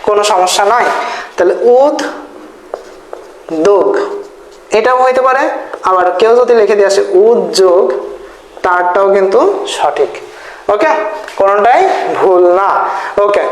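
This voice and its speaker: A man teaching an exam-prep lesson, repeating his points, often asking "thik ache?" and spelling words out slowly syllable by syllable. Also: high-pitched, a little hiss or hum. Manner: repetitive, checks in with "thik ache?". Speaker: tutor. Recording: echoey room.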